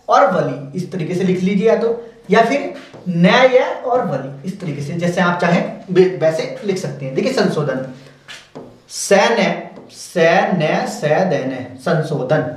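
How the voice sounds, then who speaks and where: A stenography teacher with a voice that sits high explains shorthand outlines step by step, slowly and repetitively drawing out example words. The room is echoey and he is far from the mic.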